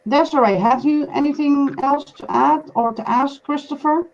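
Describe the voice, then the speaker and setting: A woman's voice: high-pitched, moderate pace, vocal fry, dull audio. A woman hosting a casual live-stream chat over a video call, asking guests questions and advising viewers. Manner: guiding, asks questions, gives advice to viewers.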